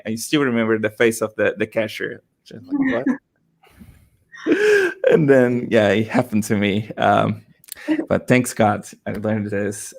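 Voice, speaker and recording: Man telling a self-deprecating story. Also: on the low side. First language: not English. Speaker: panelist. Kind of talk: casual panel chat.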